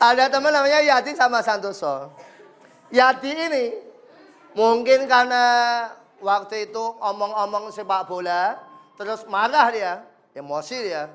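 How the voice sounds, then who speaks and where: Man, Indonesian accent, religious teacher, unhurried delivery, playful classroom storytelling. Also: high-pitched, a bit bright. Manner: slow, playful, acts out quoted taunts in a raised voice. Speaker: Islamic studies teacher.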